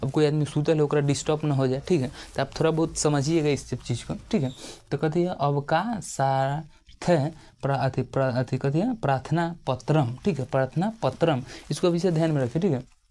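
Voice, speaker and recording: A man with a Bihari accent, teaching in a tired state late at night, speaking slowly and softly as he dictates a letter format and keeps checking in with "okay". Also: fairly high pitch.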